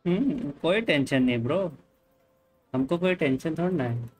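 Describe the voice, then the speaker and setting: A man with an Indian accent streaming a game live, talking casually with viewers, mixing Hindi and English and telling the chat to calm down. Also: a little high, moderate pace, faint music behind, poor audio. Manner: easygoing, mixes Hindi and English, calms the chat. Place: home room, hot.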